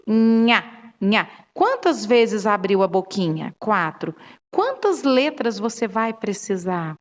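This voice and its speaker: A woman's voice: on the high side, muffled recording. A woman with a Brazilian Portuguese accent explaining literacy stages to teachers, patiently sounding out words syllable by syllable. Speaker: teacher trainer. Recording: long reverb.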